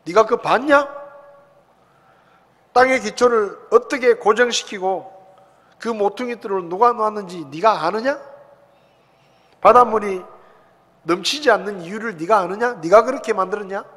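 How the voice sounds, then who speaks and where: A man's voice: fairly high pitch, long reverb tail, pitched below the performer's own voice. A man preacher acting as God, firing off stern, scolding questions at a man. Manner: loud, scolding rapid-fire questions.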